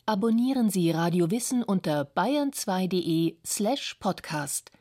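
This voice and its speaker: Unhurried, mellow female radio announcer. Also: mid-range voice, expressive. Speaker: podcast announcer reading credits.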